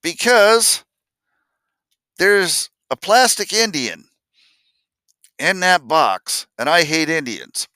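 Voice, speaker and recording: A grown man puts on a small boy of four who is crying and stubborn. He speaks high and slow, in a whiny way, with a bright, clean tone. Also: animated, no room sound, studio quality, full character voice. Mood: tearful.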